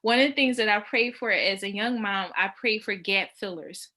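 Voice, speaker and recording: Bright-voiced woman in her forties. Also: medium pitch. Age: 40s. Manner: heartfelt, quick to laugh. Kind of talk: casual chat.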